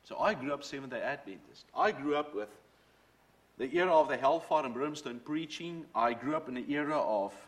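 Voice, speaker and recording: Fairly quick and lively in intonation, this middle-aged man's medium-pitched voice carries a sermon in which he shares his personal faith testimony. A native Dutch speaker, he speaks earnestly and tells it as a story, drawing quotes from books.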